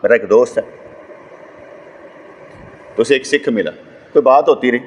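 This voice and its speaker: A man's voice: mid-range voice, normal speed, darkish tone, husky. A man from Pakistan with a Pakistani Urdu accent, giving a sermon as a religious scholar. He preaches and climbs to emphatic peaks, throwing rhetorical questions at his listeners. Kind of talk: sermon lecture.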